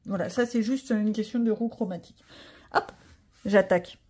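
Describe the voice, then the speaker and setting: A woman's voice: mid-range voice, normal speed, darkish tone, husky. A woman vlogger chatting casually to viewers while she colors, with chatty self-mocking asides.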